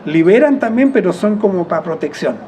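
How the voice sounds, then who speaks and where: A Chilean man being interviewed, speaking in a mellow, warm tone. He wanders through his thoughts, restarts phrases and corrects his words as he goes. A faint hum of background noise sits beneath his voice. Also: high voice, lively intonation, moderate pace. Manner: rambling, self-correcting, with soft chuckles. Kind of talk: reflective conversational explanation.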